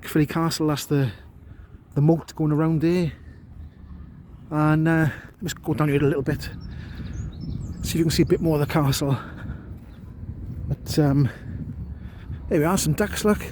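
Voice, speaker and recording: A man's voice: fairly high pitch, fairly even intonation, moderate pace, pauses often, darkish tone, slight background noise. A man with a South Wales Valleys accent, chatting casually to a handheld camera outdoors in an informal vlog style. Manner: chatty, often tags remarks with "look". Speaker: vlogger reviewing an electric bike. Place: outdoors on paths in a park.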